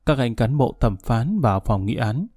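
A man calmly narrating a dramatic social story, reading slowly and steadily and lightly voicing the characters he quotes. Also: medium pitch, slightly rough, dry recording, studio quality.

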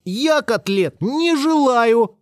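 A man's voice: very high-pitched, animated, slow, no room sound, studio quality, voice pushed up, heavily acted. A man voicing a mischievous, spoiled little boy who whines and talks in a sugary thin voice. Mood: defiant.

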